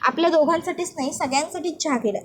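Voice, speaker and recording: A gentle young bride from a family drama pleads and apologizes, read out by a woman narrator. The voice sits high and soft-spoken. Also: fast talker, a little hiss or hum, natural voice. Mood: pleading.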